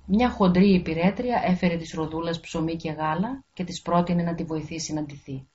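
A woman's voice: lowish voice, warm tone, muffled recording. Woman reading a fairy tale. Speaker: storyteller.

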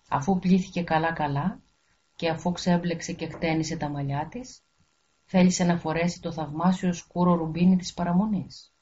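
A woman reading a fairy tale aloud in a steady storytelling manner, on a dull lo-fi recording. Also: on the low side.

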